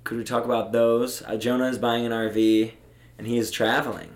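A man's voice: mid-range voice, flat delivery, brisk. A young man hosting a podcast, chatting casually and rambling with easy laughs. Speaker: podcast host. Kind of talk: casual chat.

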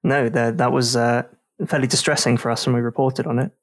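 A man's voice: medium pitch, level tone, fairly quick, no room sound, clean studio sound. A man hosting a casual podcast discussion, rambling and self-deprecating with many fillers. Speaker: podcast host.

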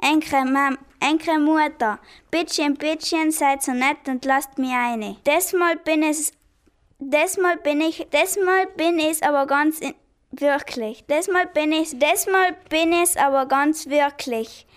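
A woman's voice: extremely high pitch, unhurried, few pauses, a bit bright, voice pushed up. A woman doing a sneaky broccoli villain. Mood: wheedling. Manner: fake sweet pleading, stumbling over words. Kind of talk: comic storybook reading.

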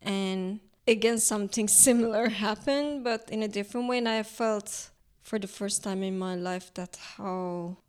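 A young adult Iranian woman whose first language is Turkish speaks English with an Iranian accent as an artist guest in a reflective interview. Her mid-range voice is clean and a little mellow, and she speaks thoughtfully and haltingly, searching for words.

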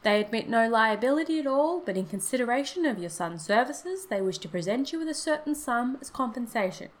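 A woman's voice: medium pitch, lively intonation, moderate pace, close to an everyday voice. A woman voicing an ill-at-ease male messenger from a firm, hesitant and formal, in a storybook reading.

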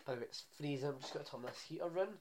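A man's voice: mid-range voice, rapid-fire, crowd noise. A young Scottish man co-hosting a podcast, bantering bluntly, teasing and swearing casually while recapping. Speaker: podcast co-host. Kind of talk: casual chat.

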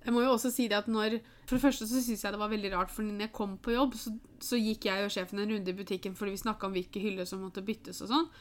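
Young woman, casual storyteller, lively retelling with quoted voices. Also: mid-range voice, few pauses. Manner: lively anecdotal, acts out quoted lines. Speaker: bride-to-be telling a story.

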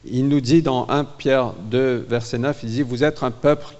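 A man preaching a sermon in short phrases that pause for an interpreter, dramatic and lively, acting out the voices of the people. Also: medium pitch, highs cut off. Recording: reverberant church hall.

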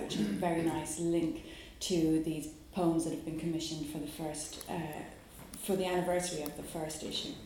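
Her low, mellow voice carries a slight hiss or hum as this Dublin-born poet introduces her pieces in a musing, hesitant way and then performs them. It's a live event recorded in a very reverberant room.

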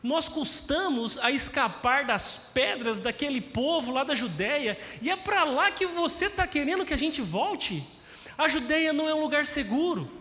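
A man's voice: very high-pitched, expressive, normal speed, pushed and bright, voice pushed up, heavily acted. A man preaching voices a frightened group of male followers who question their leader in disbelief. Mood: incredulous. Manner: incredulous, urgent questioning. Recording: long hall reverb.

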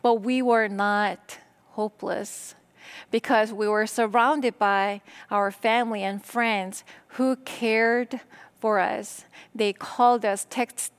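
With a voice on the higher side, a middle-aged woman pastor from Korea, Korean being her first language, gives a sermon. She delivers it deliberately and slowly, phrase by phrase, pausing as she goes.

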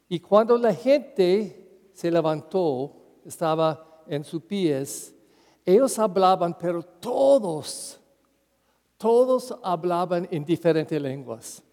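Slow, earnest priest preaching in a church hall. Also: male voice, high voice, dark tone. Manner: slow, earnest preaching with acted-out quotes and pauses. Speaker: parish priest. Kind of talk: Spanish-language Sunday homily.

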